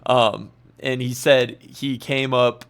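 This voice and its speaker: A man hosting a music reaction channel, giving casual, excitable commentary and laughing often as he gushes. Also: mid-range voice, slow pace, smooth.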